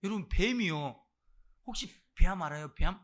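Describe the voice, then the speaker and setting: A man preaching a Sunday sermon as pastor, swinging between loud exclamations and near-murmurs and putting direct questions to the congregation. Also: sits high, lively intonation, moderate pace. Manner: acts out voices of those he quotes. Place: church service.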